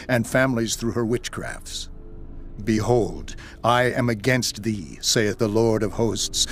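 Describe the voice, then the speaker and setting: Solemn man narrating scripture over music. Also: mid-range voice. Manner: solemn, declamatory delivery. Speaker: Bible narrator. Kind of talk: dramatized scripture narration in archaic English. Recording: music behind the voice. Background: background music.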